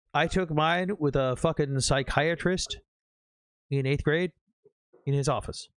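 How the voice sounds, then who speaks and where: A man's voice: mid-range voice, smooth, dry recording. A young man hosting a live online debate, combative and mocking, swearing often as he presses his opponents. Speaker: livestream debate host.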